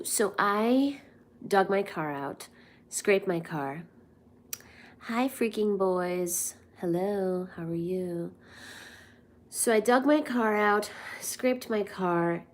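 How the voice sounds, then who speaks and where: A young woman hosts a relaxed livestream and chats easily with her viewers. Her voice sits a little low, and she takes her time, drawing her words out as she answers their messages. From India. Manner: chatty, greets viewers and answers chat messages. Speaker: livestream host. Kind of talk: casual livestream chat.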